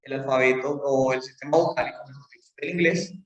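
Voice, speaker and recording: A man's voice: mid-range voice, fairly even intonation, a little fast, highs cut off. Man lecturing in an echoey hall. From Colombia. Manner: explanatory, with frequent fillers and check-ins. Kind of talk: university phonetics lecture. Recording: roomy hall, mic far off.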